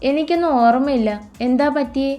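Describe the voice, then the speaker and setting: A woman's voice: high voice, a little fast, mellow, pitched above the performer's own voice, natural voice. A woman reading a shy, anxious young bride. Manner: pleading, tearful.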